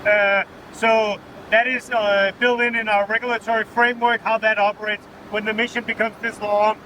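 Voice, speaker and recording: High-voiced Danish-accented man over engine drone. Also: little pitch movement, normal speed. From Denmark. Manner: matter-of-fact, often adding "right?" as a tag. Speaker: military pilot being interviewed. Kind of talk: informal technical explanation in an interview. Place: inside an aircraft cockpit in flight. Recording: loud vehicle drone behind the voice. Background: aircraft engine and air noise.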